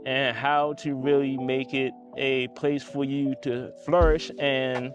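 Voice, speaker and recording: A man co-hosting a podcast, explaining and summing up points in a steady, explanatory way. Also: mid-range voice, takes it slowly, music in the background. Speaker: podcast co-host. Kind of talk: casual conversational discussion.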